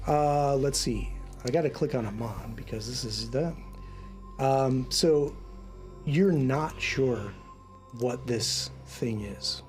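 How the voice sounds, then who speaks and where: A man with a medium-pitched voice acts as game master. He narrates a tabletop game in a casual, halting way, with music clearly playing behind him. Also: a little mellow. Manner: informal, halting.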